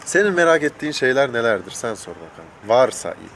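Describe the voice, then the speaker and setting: A man's voice: mid-range voice, big pitch swings, a little fast. A man hosting a casual chat interview, talking in a joking, teasing way. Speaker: host interviewer. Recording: clear outdoor traffic and vehicle noise. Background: urban outdoor ambience with vehicles.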